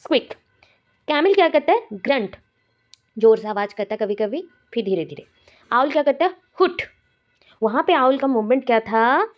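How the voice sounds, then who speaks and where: A woman's voice: high-pitched, muffled recording. A woman teacher from India giving an exam-prep lecture, explaining terms step by step and repeating the key words.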